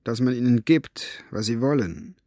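A man's voice: lively intonation, normal speed, warm tone, dry recording, clean studio sound, natural voice. A man doing a sly, scornful drifter. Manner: contemptuous, low, conspiratorial. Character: sly, scornful male fire-juggler, secretive.

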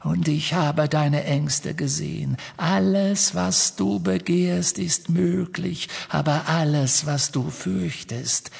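A man voicing an evil, menacing voice hissing out of a locket, slow and taunting in a half-whisper. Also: fairly high pitch, vocal fry, a little mellow, breathy edge, in a large hall, voice pushed up, heavily acted.

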